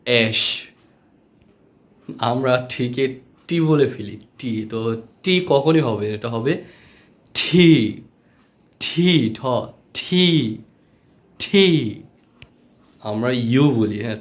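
A man whose first language is Bengali, teaching English letter sounds in a slow spoken lesson, repeating each sound patiently. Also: medium pitch.

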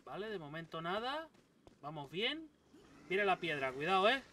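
A young gaming YouTuber with a Spain Spanish accent provides let's play commentary in a high voice at normal speed. He swears and bursts out excitedly while playing. The mic is distant and the game noise is loud.

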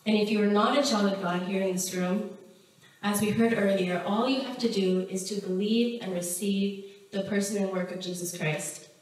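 A woman's voice: medium pitch, fairly even intonation, moderate pace, a little mellow. A woman giving a sermon in a church hall, telling a story in an earnest way before closing in prayer. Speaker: preacher. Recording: very echoey hall, mic at a distance.

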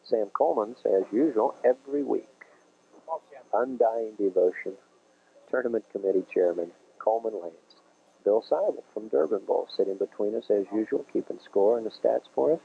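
This TV sports commentator, a Midwestern American man, covers bowling in a lowish, gravelly, husky voice at normal speed. Folksy in manner, he explains the game for viewers, and the recording has the dull, lo-fi quality of a 1980s TV broadcast.

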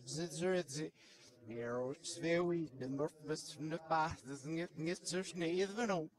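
A man giving a public talk on a handheld microphone, played backwards so the syllables come out reversed and garbled. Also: fairly high pitch. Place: indoor presentation room.

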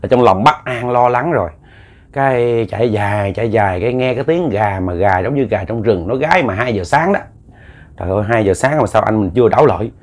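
A man's voice: lowish voice, brisk. Folksy Southern Vietnamese man telling ghost stories. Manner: folksy, rambling, stumbles over repeated words. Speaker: ghost story narrator. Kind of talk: spoken ghost story narration.

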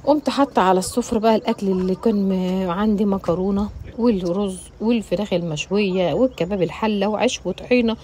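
A middle-aged woman with an Egyptian accent, chatting rapidly and directly to her viewers as a home cooking vlogger. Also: medium pitch, mellow, slight background noise. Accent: Egyptian Arabic. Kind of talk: casual chatty storytelling to viewers.

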